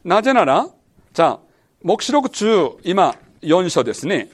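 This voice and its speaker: A man's voice: high voice, very animated, unhurried. A man teaching a Bible lesson as pastor, quizzing his listeners and repeating key words. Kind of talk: sermon-style Bible lesson.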